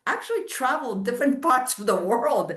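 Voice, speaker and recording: A woman's voice: fairly high pitch, animated, fairly quick, fairly bright tone. Woman host in an echoey room. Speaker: host, editor-in-chief. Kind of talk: interview hosting.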